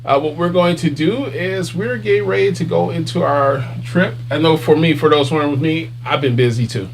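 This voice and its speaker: A man's voice: on the high side, moderate pace, creaky. A middle-aged man, hosting a live podcast in loose, chatty talk with easy laughs. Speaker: podcast host. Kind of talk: casual live-stream chat. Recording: faint hum behind.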